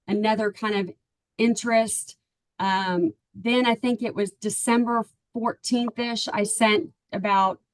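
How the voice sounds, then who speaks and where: She's a baseball player's mother from Texas, middle-aged and speaking with a Texan accent, chatting earnestly as a client guest with plenty of ums and "right?". Her voice is mid-range, and the dry recording is low quality.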